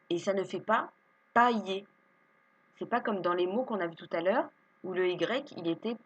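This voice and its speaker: A woman teaching young children to read, slowly sounding out syllables and words with patience. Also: medium pitch, breathy edge, highs cut off. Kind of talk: reading lesson for young children.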